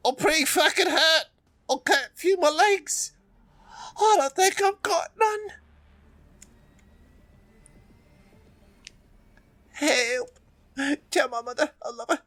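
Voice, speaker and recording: A man voicing a dying, wounded civilian in a tabletop game, pleading desperately in halting, tearful gasps. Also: very high-pitched, lively intonation, pushed and bright, no room sound, voice pushed up, heavily acted. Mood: tearful, weak.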